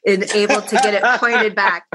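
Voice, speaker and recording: A woman's voice: mid-range voice, fairly even intonation, normal speed, fairly bright tone. A woman hosting an interview in an earnest, heartfelt way. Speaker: podcast host. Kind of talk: casual interview chat.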